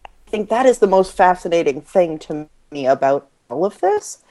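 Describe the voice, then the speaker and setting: A woman's voice: on the low side, sing-song, moderate pace, warm tone. A woman co-hosting a casual podcast chat, enthusiastic and laughing often.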